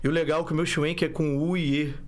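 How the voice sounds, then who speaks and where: This Brazilian man talks fast in a fairly high-pitched, flat voice. Born in Rio but raised in Belo Horizonte, he carries a Minas Gerais accent and appears on a podcast as a startup founder. His casual talk wanders, with frequent restarts, self-corrections and plenty of "né?".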